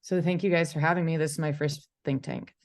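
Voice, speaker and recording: A woman's voice: deep voice, fairly even intonation, a little fast. A woman stage manager introducing herself on a video call, upbeat. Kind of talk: casual self-introduction.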